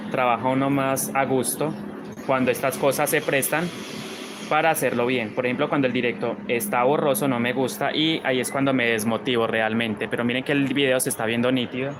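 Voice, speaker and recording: A man's voice: medium pitch, fairly even intonation, normal speed, background noise. Chatty paisa man teaching crochet live. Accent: Colombian paisa. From Colombia. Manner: chatty, reads viewer comments aloud. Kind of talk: live-streamed crochet tutorial.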